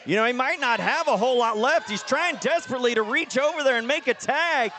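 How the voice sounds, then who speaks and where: A man working as a wrestling commentator, calling live play-by-play in excited shouts. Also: fast talker. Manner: shouted, high-energy calls. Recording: loud crowd and venue noise. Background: cheering crowd.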